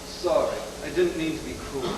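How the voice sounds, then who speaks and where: A teen boy playing an exasperated gentleman. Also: fairly high pitch, moderate pace, natural voice. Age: teens. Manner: incredulous, exasperated retorts. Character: indignant male gentleman passerby, exasperated. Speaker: student actor. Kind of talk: 1980s high school stage play. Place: school auditorium stage. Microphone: distant camcorder mic. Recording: echoey auditorium, far from camera, audible hiss.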